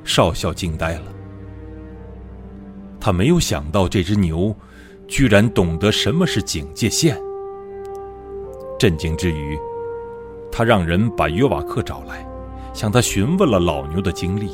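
Deep-voiced expressive male storyteller. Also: unhurried, pauses often, over music. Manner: expressive, swelling in tense moments. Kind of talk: dramatic story narration.

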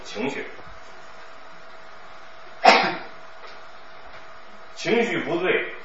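Brief: middle-aged man, recitation teacher, lively teasing delivery, recorded far off in a boomy, muffled room. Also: drawn-out words. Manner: chatty, teasing, laughs often. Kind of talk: classroom coaching and Q&A. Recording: echoey, distant, muffled room with noise.

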